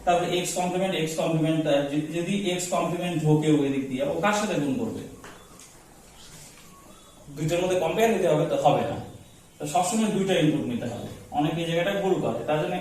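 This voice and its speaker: A man teaches a class, tossing questions at students and waiting for their answers. His voice sits a little high for a man. It comes from far off in a very echoey room with a faint hiss. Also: fast, darkish tone. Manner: quizzing students with call-and-response questions. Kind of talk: classroom lecture.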